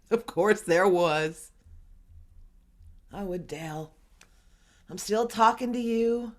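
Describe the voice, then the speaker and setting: An actress playing a woman who muses wryly about her therapist in a stage monologue. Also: on the low side. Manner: musing, wry, unhurried. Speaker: stage actor. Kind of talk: theatrical monologue.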